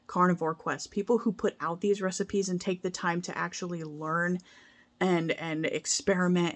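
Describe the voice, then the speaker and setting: Young woman vlogger, slightly low voice, heartfelt and rambling, chatty to camera. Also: vocal fry. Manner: earnest, rambling, emotional, with frequent restarts and laughs. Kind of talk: casual heartfelt vlog talk.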